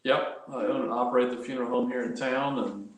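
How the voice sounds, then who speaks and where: A man's voice: medium pitch, steady tone, brisk. Very echoey American man chatting. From Illinois, United States. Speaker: guest, funeral director and tractor puller. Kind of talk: casual interview chat. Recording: very echoey room, faint noise.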